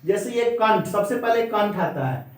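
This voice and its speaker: A man teaching a Hindi grammar lesson at a board, drilling each point slowly and repeating it while he speaks straight to his students. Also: sits high, expressive. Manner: slow, repetitive drilling, addresses students directly. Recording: very echoey room.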